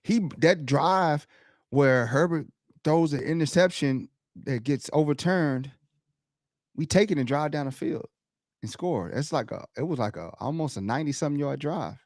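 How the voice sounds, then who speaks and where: A man co-hosting a podcast, talking sports in a casual, animated way, laughing and mimicking the crowd. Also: fairly high pitch, moderate pace, no room sound, studio quality. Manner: animated, laughs often, loud shouted impressions of the crowd. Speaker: podcast co-host.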